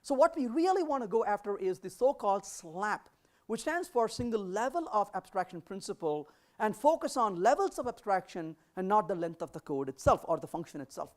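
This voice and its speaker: A woman's voice: mid-range voice, big pitch swings, brisk. A woman giving a conference talk to developers, questioning the audience and acting out short dialogues. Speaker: conference speaker.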